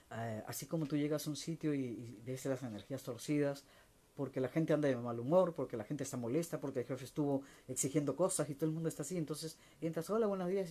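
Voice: medium pitch, mellow. A spiritual speaker answering viewer questions in a reflective talk, often asking rhetorical questions and acting out short everyday exchanges. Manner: asks rhetorical questions, acts out little everyday dialogues.

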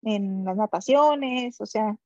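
A woman's voice: medium pitch, slow pace, darkish tone, dry recording, highs cut off. A woman with a Mexican Spanish accent, a professional triathlete guest chatting casually in an interview and rambling with lots of fillers. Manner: rambling, many fillers like "este" and "o sea".

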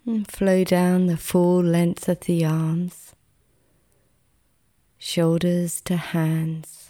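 With little pitch movement, a female meditation guide speaks in a lowish, soft, sometimes breathy voice. She leads a gentle relaxation meditation, soothing like a sleep story narrator, and pauses at length.

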